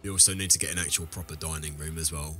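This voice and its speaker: A man's voice: extremely low pitch, fairly even intonation, fast, pushed and bright, faint music behind. A man, audibly ill, chatting casually through a game and rambling with self-corrections as he addresses viewers. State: ill, deeper voice than usual. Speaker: let's play host. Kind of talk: casual gameplay commentary.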